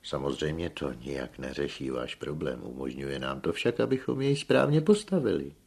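A man reading aloud and voicing a pompous young male engineer who lectures slowly and emphatically, rolling his R's. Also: very deep voice, animated, vocal fry, darkish tone, slightly rough, heavily acted. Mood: lecturing. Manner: slow, emphatic lecturing with rolled R.

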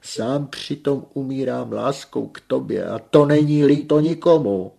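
A man voicing a desperate, lovesick young peasant who pleads loudly and tearfully. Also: mid-range voice, gravelly, breathy edge. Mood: desperate pleading.

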